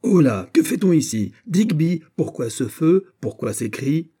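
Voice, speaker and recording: A man's voice: mid-range voice, normal speed, warm tone, voice pushed up, natural voice. Stern commanding general, voiced by a man. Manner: imperious, stern, sonorous. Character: commanding middle-aged male general. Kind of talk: audiobook character voice.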